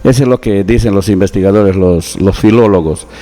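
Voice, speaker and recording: A researcher from the Peruvian Amazon, speaking with a Peruvian Amazonian Spanish accent, is interviewed as a guest and explains patiently using examples. His voice is fairly low and mellow, a little fast, with a big-room sound.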